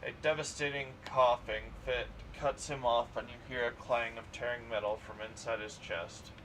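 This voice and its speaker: A man streaming a game, reading its narration in a plain, steady way. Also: medium pitch, normal speed. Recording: distant mic with clear background noise.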